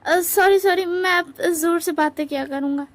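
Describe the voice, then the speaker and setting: A shy young man who talks softly and haltingly, forever apologizing, as in a storybook, as a woman storyteller puts him on. The voice sits high and light. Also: little pitch movement. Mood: timid. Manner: quiet, stammering, apologetic. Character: timid soft-spoken young man, hesitant.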